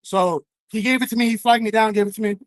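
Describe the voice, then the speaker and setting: A man's voice: sits high, steady tone, fast, dry recording, studio quality. A man speaking casually as a bystander interviewed on the street, a little away from the mic. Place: outdoors on a street, off the main mic.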